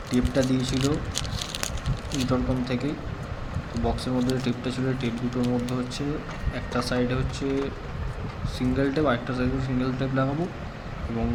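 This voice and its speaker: A vlogger with a mid-range voice gives a casual, hands-on product demo, plainly narrating each step like a tutorial. There's background noise in the recording.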